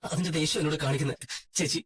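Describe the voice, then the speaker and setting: A man voicing a tearful, husky young student. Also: a little high, steady tone, rapid-fire, a bit bright. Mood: despairing. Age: young adult. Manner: despairing and pleading. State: crying. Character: distraught young male college student. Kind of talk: fan-dubbed drama.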